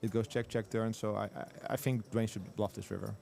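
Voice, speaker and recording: A man's voice: on the low side, little pitch movement, a little fast, creaky, a little mellow. A man commentating live poker, breaking down hand strategy in detail with frequent restarts and repeated agreement.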